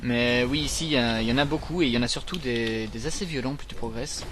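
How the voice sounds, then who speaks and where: Bright-voiced man explaining a game. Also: mid-range voice, fast, a little hiss or hum. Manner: explains game mechanics while joking around. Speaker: gaming channel co-host. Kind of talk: casual let's-play commentary.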